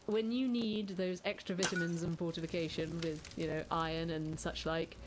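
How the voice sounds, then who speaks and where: A woman hosting a comic role-play podcast in a dry, deadpan, self-mocking way, with hesitant fillers. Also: fairly low pitch, moderate pace, noisy background. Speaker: podcast host.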